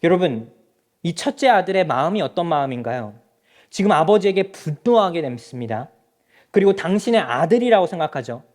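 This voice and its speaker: A man's voice: fairly high pitch, big pitch swings, moderate pace, a little mellow. A male pastor preaching a sermon in a church, speaking straight to the congregation with rhetorical questions. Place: church sanctuary.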